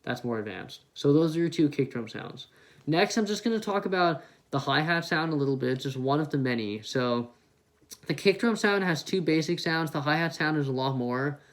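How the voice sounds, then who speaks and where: A man's voice: fairly high pitch, animated, moderate pace. A man on a headset mic giving a casual beatboxing tutorial, explaining step by step and demonstrating the sounds. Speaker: beatbox teacher.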